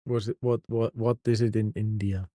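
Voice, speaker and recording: This Icelandic native, speaking with an Icelandic accent, casually streams live while reading the chat and greeting viewers one by one. His fairly low, dark voice comes across flat at a moderate pace, in studio-quality sound with no room noise.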